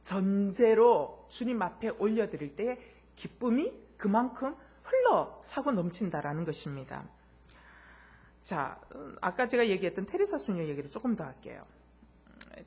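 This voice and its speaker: A woman pastor preaches to her congregation in a husky voice, asking them rhetorical questions. Her pitch swings widely as she tells anecdotes and acts out the voices in them. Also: a little mellow. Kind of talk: sermon.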